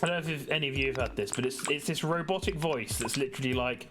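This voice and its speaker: A man's voice: medium pitch, fast talker. A man chatting casually while playing a co-op game, with dry sarcastic jokes. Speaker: gaming video host. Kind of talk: casual co-op gameplay chat. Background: game music.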